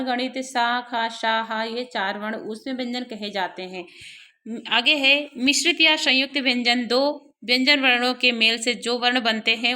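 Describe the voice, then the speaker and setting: A woman's voice: fairly high pitch, bright, forceful tone. A woman teaching a Sanskrit grammar lesson, reading it out and spelling syllables one by one with many repeats.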